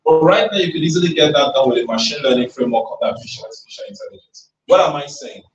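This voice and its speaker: A man's voice: a little high, animated, very fast, distant mic, muffled recording, a little hiss or hum. Man giving a rallying talk in a roomy hall. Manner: emphatic, rallying, uses audience call-and-response. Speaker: speaker at a tech event. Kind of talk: motivational talk. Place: event hall.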